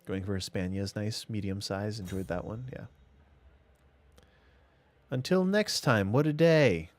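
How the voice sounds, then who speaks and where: At a measured pace, a man with a fairly low voice livestreams a strategy game, talking through his thoughts and casually chatting with viewers and himself.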